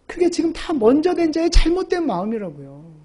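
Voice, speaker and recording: High-voiced, emphatic woman pastor. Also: sing-song, brisk, dark tone. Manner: emphatic, rhetorical questions to the congregation. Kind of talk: sermon.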